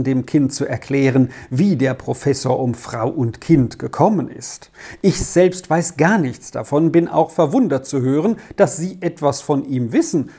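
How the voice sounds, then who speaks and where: A woman's voice: a bass voice, dark tone, breathy edge, heavily acted. A woman playing a flustered, exasperated father. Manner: agitated, exasperated. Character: flustered middle-aged father, easily alarmed.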